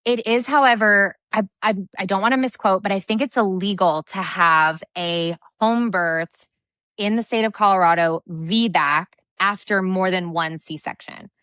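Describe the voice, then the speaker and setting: Thirtysomething woman chatting on a podcast, animated storyteller, lots of "like", dry close mic. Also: mid-range voice, unhurried, smooth, no echo. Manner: animated, lively storyteller who acts out quoted dialogue, many fillers like "like". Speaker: podcast guest, doula. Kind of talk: casual storytelling interview.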